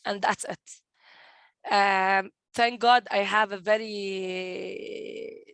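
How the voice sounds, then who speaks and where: A young woman in her twenties from East Jerusalem, a community manager at a peace group, tells her personal story as a guest in a panel talk over a video call. She speaks English with a Palestinian Arabic accent, earnestly and extremely slowly, often restarting and repeating words. Her medium-pitched voice is steady, creaky, fairly bright, clear and resonant, recorded dry.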